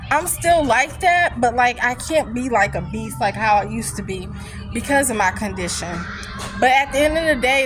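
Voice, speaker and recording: A woman's voice: fairly high pitch, low-quality recording. A young woman vlogging while walking outdoors, out of breath, talking in a rambling, candid way. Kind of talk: casual chat. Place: outdoors on foot, near traffic.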